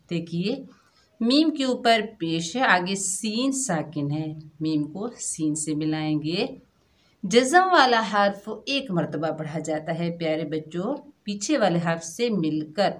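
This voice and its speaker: Female tutor, very slow, patient step-by-step delivery for children, long drawn-out practice syllables. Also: on the low side. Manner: patient, explains each rule step by step, then draws out drawn-out practice syllables. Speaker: Quran tajweed teacher. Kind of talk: slow children's recitation lesson.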